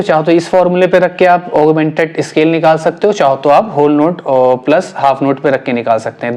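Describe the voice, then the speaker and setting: A man's voice: on the high side, darkish tone. Patient male music teacher explaining theory. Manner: patient, repeats points and checks understanding often.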